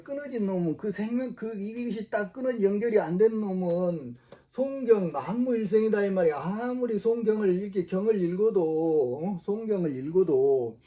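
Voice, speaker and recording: A man's voice: on the high side, mellow. A middle-aged man, preaching a religious sermon in a repetitive, emphatic way, often asking his listeners if they understand. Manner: repetitive, emphatic, with frequent rhetorical questions.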